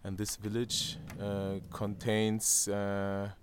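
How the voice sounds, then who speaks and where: A man's voice: fairly low pitch, monotone, slow pace, slight background noise. A man in his thirties from Germany with a German accent, interviewed outdoors on a terrace, talking hesitantly with many fillers and restarts. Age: 30s. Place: outdoor terrace above a valley.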